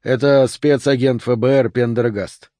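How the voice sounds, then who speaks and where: A weary police lieutenant, as a male narrator voices him, curt and gruff, snapping short lines in a near-natural baritone. The sound is dry and close. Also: steady tone, measured pace, warm tone, no echo, lightly acted. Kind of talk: audiobook character voice.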